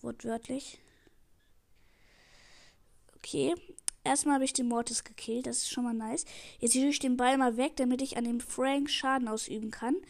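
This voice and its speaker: A teenage girl giving excitable live commentary on her own match, pleading and calling out every move into a headset mic. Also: high-pitched, moderate pace, creaky, long pauses. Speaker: gamer streaming her match.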